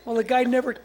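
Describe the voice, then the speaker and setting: A man's voice: sits high, gravelly, a little hiss or hum. A man hosting a show in casual studio banter, rambling and stammering as he tells stories.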